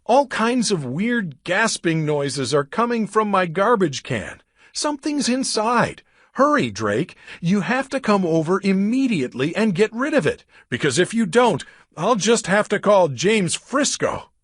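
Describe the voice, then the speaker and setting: A man's voice: fairly high pitch, sing-song, a little slow, bright, forceful tone, no room sound, clean studio sound, pitched above the performer's own voice, heavily acted. A man voicing a frantic, talkative fifth-grade girl who shrieks in breathless panic in a storybook reading. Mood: panicked.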